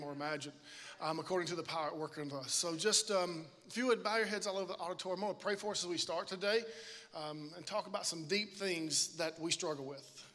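A man's voice: high-pitched, pushed and bright. A man in his thirties, a pastor preaching on stage into a handheld microphone in a large church auditorium, casual and joking, calling out to the congregation. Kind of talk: sermon. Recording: long hall reverb of a large auditorium.

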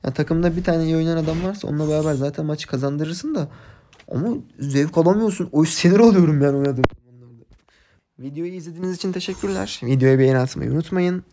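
A man's voice: fairly high pitch, fast talker, mellow, slight background noise. A man giving casual commentary over his own gameplay, muttering to himself and his team and venting his frustration with the game. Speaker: gaming YouTuber.

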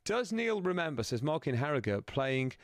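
A man's voice: on the high side, sing-song, normal speed, no echo. A man hosting a radio show in a studio, chatting with his guest and reading out listener messages. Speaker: radio host. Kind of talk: radio phone-in interview. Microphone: studio microphone.

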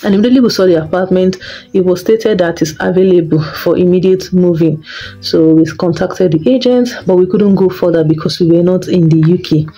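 A young woman from Nigeria, chatting casually in a vlog about renting her first flat. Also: fairly low pitch, brisk, husky, faint music behind, poor audio. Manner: chatty, conversational storytelling. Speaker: vlogger.

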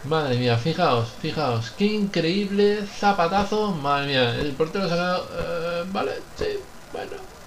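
Excitable young gamer. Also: male voice, on the high side, moderate pace, few pauses. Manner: swings from muttering to shouting at goals. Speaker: gaming youtuber. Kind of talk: excited let's-play commentary. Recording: faint background noise.

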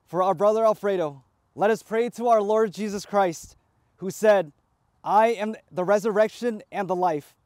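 Priest, male, high voice, measured recitation of funeral liturgy, dry sound. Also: darkish tone, no room sound. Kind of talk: graveside funeral rite.

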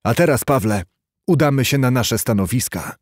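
A man's voice: mid-range voice, expressive, normal speed, no echo, natural voice. Man doing a stern middle-aged lawyer, firm and commanding, dry sound. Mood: grave. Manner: forceful, commanding.

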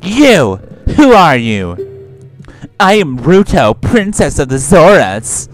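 A man's voice: fairly high pitch, sing-song, slow, faint music behind, low-quality recording. A man voicing a haughty young female fish princess over gameplay, in a bossy, dismissive way.

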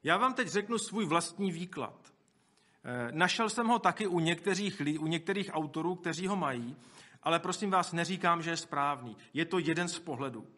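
A male preacher giving a sermon in a bright, forceful voice that sits a little high. He talks to the congregation in a conversational way, with asides, and acts out the quotes he tells. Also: expressive.

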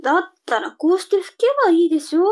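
Woman as a high, cute anime-girl little sister. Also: racing, a little mellow. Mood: bright, matter-of-fact. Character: cheeky, sulky younger sister in a comedy. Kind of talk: comic tongue-twister reading drama.

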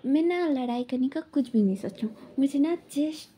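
A woman quoting a defiant young man in her own high voice, mocking and coolly threatening. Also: lively intonation, moderate pace, mellow. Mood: cool defiance. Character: defiant young man, calm but cutting.

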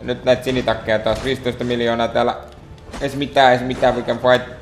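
In an echoey room, a let's play host comments on his gameplay in a medium-pitched voice with little pitch movement. He mutters and grumbles at the game, clearly exasperated.

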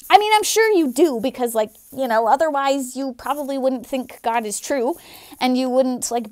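A young woman with a high, light voice talks casually and earnestly, scattering fillers as she shares an opinion from her living room. The sound is close and dry, with no room echo. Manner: chatty, filler-heavy, earnest. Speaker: vlogger.

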